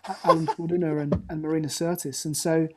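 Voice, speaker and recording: A man's voice: fairly high pitch, level tone, fast talker, noisy background. A man, an actor as interview guest, telling long anecdotes with lots of restarts over a remote call. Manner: rambling anecdotes with many restarts. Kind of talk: casual interview chat.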